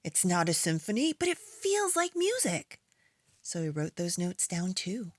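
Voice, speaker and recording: A woman reading aloud to young children as a preschool storytime host, in an expressive storytime voice. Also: lowish voice, no room sound, clean studio sound. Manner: storytime voice, slow and expressive with acted animal and object sounds.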